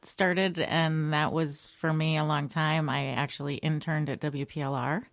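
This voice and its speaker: A woman's voice: sits low, steady tone, measured pace, dry recording, studio quality. A middle-aged woman from Connecticut, a guest in a casual interview, talking in a friendly, chatty way. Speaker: podcast guest.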